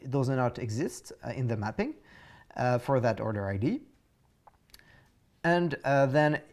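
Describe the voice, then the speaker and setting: A man's voice: mid-range voice, a little mellow. Man with a French accent teaching. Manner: halting, many fillers and restarts. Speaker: course instructor. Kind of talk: explaining a coding assignment.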